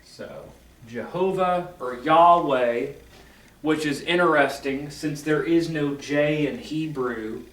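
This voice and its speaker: A man explaining esoteric teachings in a casual, rambling lecture, correcting himself often and filling pauses with ums and uhs. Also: fairly high pitch, fairly bright tone, echoey room, far from the mic, low-quality recording. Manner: rambling, self-correcting, filler-heavy.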